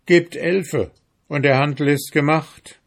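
A man's voice: on the high side, steady tone, slow, voice pushed up. A man playing a mocking hard-bargaining stranger. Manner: mocking, haggling, raised voice.

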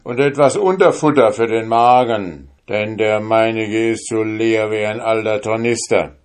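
A man voicing a bold, hungry soldier in a fairy tale, loud and boisterous. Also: lowish voice, measured pace, clean tone, lightly acted. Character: bold hungry male soldier, cheeky and fearless.

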